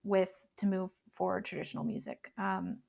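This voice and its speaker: Flat-voiced Canadian woman, halting. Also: medium pitch, creaky. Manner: halting, many restarts and fillers. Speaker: guest bagpiper. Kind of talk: casual interview chat.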